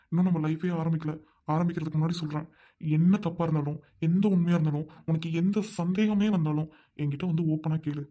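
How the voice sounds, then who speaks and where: A man voicing a loyal young groom in an amateur audio drama, scolding hard and then reassuring gently. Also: on the high side, natural voice.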